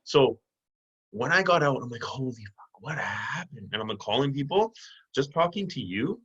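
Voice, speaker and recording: A man's voice: medium pitch, normal speed, slightly rough. Man telling stories over a dull video call. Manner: animated storytelling with laughs. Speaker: guest. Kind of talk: casual chat on a video call.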